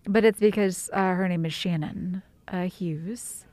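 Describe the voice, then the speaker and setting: A woman's voice: fairly low pitch, a little slow, darkish tone. A woman co-hosting a podcast, chatting casually with many fillers and restarts. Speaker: podcast co-host. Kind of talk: casual chat.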